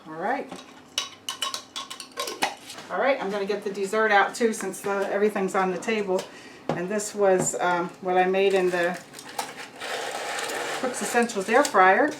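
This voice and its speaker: A woman chats through her home cooking vlog, telling viewers about each dish as she serves it. The room is echoey, with clear background noise around her. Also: medium pitch, fairly even intonation, unhurried, pauses often, distant mic. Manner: chatty, narrates the food to viewers. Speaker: cooking channel host. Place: home kitchen and dining table.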